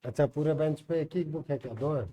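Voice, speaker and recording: His voice is on the high side, warm, and a little fast as this man teaches math in Hindi and English. With online students joining the classroom, he calls on students by name, coaxing and teasing them to confirm they understand.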